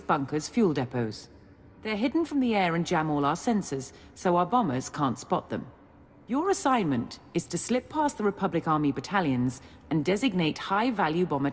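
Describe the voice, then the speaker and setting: Stern, animated military officer. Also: female voice, lowish voice. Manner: crisp, authoritative briefing. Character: stern, businesslike female Imperial military officer. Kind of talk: video game voice acting. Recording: long hall reverb.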